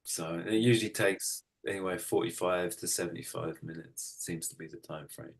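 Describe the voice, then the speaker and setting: A middle-aged man from the United Kingdom, an energy practitioner and massage therapist, speaks casually as an interview guest. His voice is deep with vocal fry and a moderate pace, and he explains things in a matter-of-fact, self-deprecating way.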